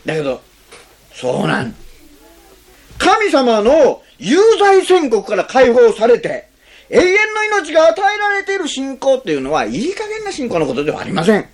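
Lively conversational male pastor. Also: normal speed. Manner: conversational, frequent tag "ne", lively swings in pitch. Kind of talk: sermon.

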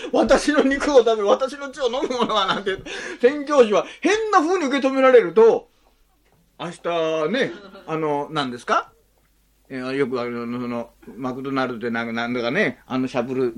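A man preaching a sermon as pastor, chatty and folksy, often asking the congregation questions and adding little tags. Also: on the high side.

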